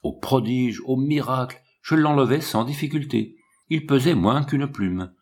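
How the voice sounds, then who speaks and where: A man reading a novel aloud as the narrator, in an expressive and dramatic way. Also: mid-range voice, a little slow, breathy edge. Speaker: audiobook narrator.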